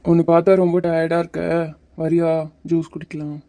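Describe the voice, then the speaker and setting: A woman voicing a calm, teasing young male hero in a cartoon series. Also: fairly low pitch, brisk, lightly acted. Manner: teasing, patient, a little bossy. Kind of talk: Tamil cartoon series voice acting.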